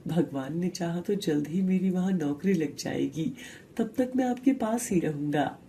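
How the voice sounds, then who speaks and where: A woman voicing an earnest young man back from his studies in the city, pressing his father about village life in an animated story. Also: lowish voice, normal speed, gravelly, a little hiss or hum. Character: educated young village son, earnest reformer.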